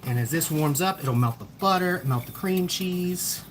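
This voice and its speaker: A man's voice: on the high side, normal speed, slight background noise. A man talking through a recipe in his home kitchen, easygoing and explaining each step while chatting with his child. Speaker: home cook streaming a recipe. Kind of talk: casual cooking demonstration. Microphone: phone camera. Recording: kitchen clatter and a screaming parrot behind.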